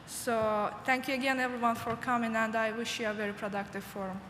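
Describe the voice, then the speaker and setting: A woman giving a formal welcoming speech at a forum, halting, with many fillers and restarts. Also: a little high, little pitch movement, heavy background noise. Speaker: conference host. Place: large conference hall. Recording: echoey hall with faint ambience.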